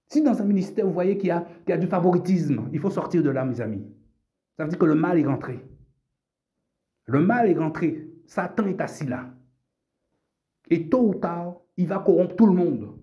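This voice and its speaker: A man's voice: high-pitched, dark tone. A man preaching a sermon, insistent and repetitive, addressing his listeners directly as brothers and sisters.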